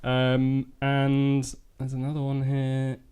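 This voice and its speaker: A man's voice: medium pitch, completely flat delivery, slow, smooth, phone-quality sound. A man co-hosting a business podcast, talking casually and loosely with fillers. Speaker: podcast co-host.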